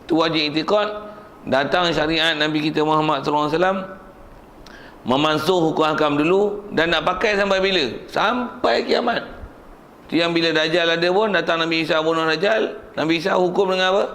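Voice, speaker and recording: Malaysian guy teaching religion class, gravelly voice, bit higher pitched, chatty and jokey. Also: fairly bright tone. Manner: conversational, asks and answers his own questions; jokes with the class.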